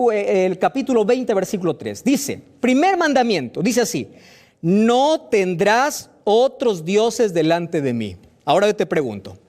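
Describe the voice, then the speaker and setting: A man's voice: very high voice, a little mellow. A pastor preaching a sermon, firing rhetorical questions at his listeners with emphatic delivery.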